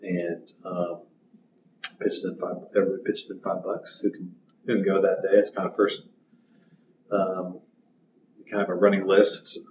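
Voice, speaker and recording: A man in his thirties chatting as a podcast guest, halting with many ums and restarts. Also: low-pitched, monotone, noisy background. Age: 30s. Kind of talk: casual podcast chat. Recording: roomy, muffled podcast audio.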